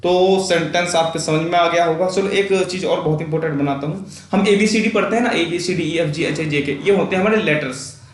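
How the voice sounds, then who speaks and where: High-voiced man teaching grammar in an echoey room. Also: a little fast, slight background noise. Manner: chatty, repetitive, checks in with "ठीक है ना". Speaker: English teacher. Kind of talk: explaining grammar over on-screen notes. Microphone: voice-over, speaker not shown.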